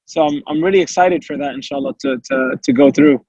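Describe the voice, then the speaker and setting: This brisk, high-voiced young man is an American professional MMA fighter answering casual interview questions as a guest. His earnest replies run long and freely, filled with fillers and self-quotes, and the dry recording gives a dull, darkish tone.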